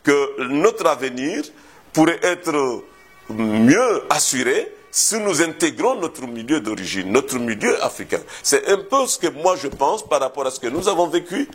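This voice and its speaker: A man from the Comoros, a historian answering interview questions in a measured, thoughtful way, often hesitating and repeating words as he thinks. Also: fairly high pitch, sing-song, husky. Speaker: historian interviewed about his thesis.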